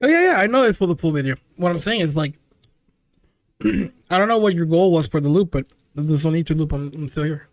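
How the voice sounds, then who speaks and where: A young man with a notably high voice streams live and talks casually to his viewers, loose and chatty. The sound is dry and close, with no room around it. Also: brisk, no echo. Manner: chatty, loose, calls the audience "dude" and "chat".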